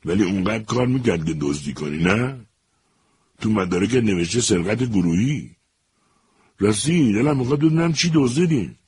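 A man's voice: fairly low pitch, expressive, a little mellow, husky, no echo. A man voicing a hot-headed male prison guard with a mocking, commanding way of speaking.

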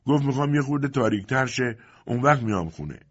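A man doing a loud old farmhand. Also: medium pitch, lively intonation, slightly rough, dull audio, voice pushed up. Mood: announcing. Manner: loud, announcing. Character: old farmhand calling out loudly.

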